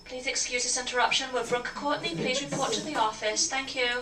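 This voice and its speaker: A woman making a polite, formal announcement over a school intercom, heard from a distant loudspeaker. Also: high voice, fairly even intonation, a little fast. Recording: echoey distant intercom speaker, faint hiss.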